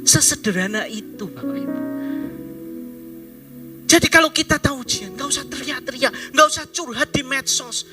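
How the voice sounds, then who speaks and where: A man's voice: very high voice, animated, normal speed, pauses often, music in the background. A man preaching a sermon in a conversational way, talking straight to the congregation and now and then dropping his voice to a near-whisper. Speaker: pastor.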